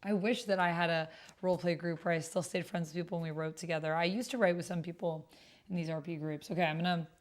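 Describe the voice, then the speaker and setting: A woman streamer hosts a casual livestream, playing a text roleplay game while she chats. Her voice is lowish and steady, and she talks fast, informal and gushing, often murmuring half to herself as she types and reads messages aloud. Keyboard typing clicks in the background.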